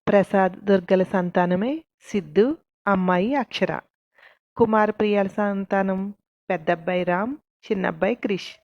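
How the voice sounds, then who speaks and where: A woman's voice: mid-range voice, no echo, dull audio. A woman narrating a family love story from a script, reading every character's lines herself with small shifts of voice. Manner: reads all the parts herself, with light shifts for quoted lines.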